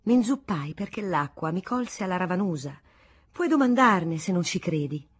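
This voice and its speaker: A vain young nobleman waving away his wife's worries with easy, dismissive charm, as a woman reader puts him on. The tone is offhand and smug, in a lowish, breathy register from an audiobook. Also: animated, normal speed. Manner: breezy, dismissive. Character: vain, carefree young aristocratic husband.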